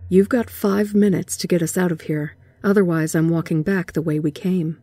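A woman's voice: lowish voice, fairly even intonation, normal speed, warm tone, no room sound, close to an everyday voice. A woman voicing an irritable teenage boy who complains and snaps, in a horror story reading. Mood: irritated. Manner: complaining, snappish.

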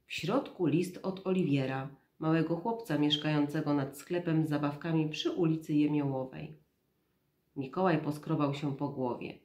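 A woman in her thirties, a mother reading a storybook aloud in a soft, measured, quiet voice. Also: low voice, echoey room.

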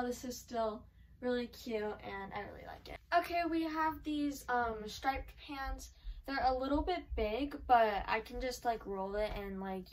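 A woman's voice: fairly high pitch, distant mic, slight background noise, rough recording. Chatty woman vlogger, a bit off-mic. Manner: chatty, filler-heavy with frequent "like". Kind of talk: casual try-on haul chat. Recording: voice from away from the mic.

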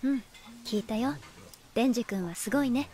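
An actress voicing a calm, composed female superior in an anime, speaking softly and evenly. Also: fairly high pitch, brisk, close to an everyday voice. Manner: calm, soft and even. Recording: anime soundtrack with music behind.

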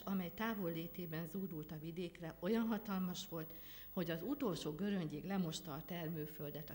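A woman reads a folk tale aloud in a lively, theatrical way. Her voice sits slightly low, and a long hall reverb trails each phrase. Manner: lively, dramatic delivery with voiced characters. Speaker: reader at a literary event. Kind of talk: expressive storytelling reading. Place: library event hall.

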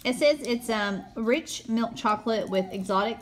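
A woman in her thirties with a Tennessee accent hosts a casual snack unboxing, reading the product blurbs aloud and asking questions. Her voice is fairly high at a normal pace, with slight background noise.

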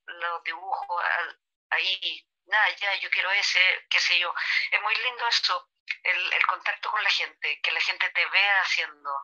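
A middle-aged Chilean woman artist, chatting casually and warmly in a remote interview with a Chilean accent, laughing easily. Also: fairly low pitch, muffled recording. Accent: Chilean Spanish. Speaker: artist guest.

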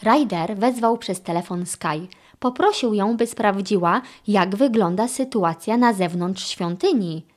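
A woman narrating a children's audiobook with expressive storytelling. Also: medium pitch, unhurried, hardly any pauses.

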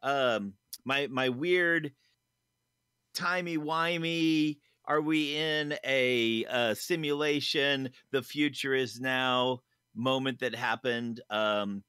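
A man's voice: mid-range voice, steady tone, takes it slowly, sharp tone, clear, resonant tone, dry recording, clean studio sound. A man co-hosting a casual podcast chat, upbeat and rambling with lots of fillers. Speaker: podcast co-host.

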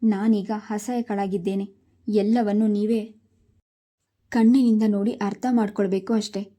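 A woman's voice: mid-range voice, level tone, normal speed, dark tone, natural voice. A woman voicing a helpless, pregnant young wife who pleads through tears in a told story. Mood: tearful. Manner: pleading, tearful.

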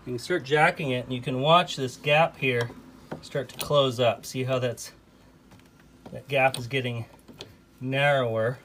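Filming on a phone he often holds while working, a man in his thirties calmly teaches a home renovation step by step, relaxed and using fillers. His mid-range voice is unhurried with long pauses and slight background noise, beginning in a car and moving to a house being renovated.

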